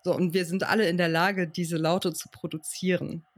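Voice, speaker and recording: A woman hosting a podcast interview, talking in a relaxed way with light "äh" fillers and frequent affirming "ja" and "mhm". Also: lowish voice, moderate pace. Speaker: podcast host. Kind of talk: conversational interview.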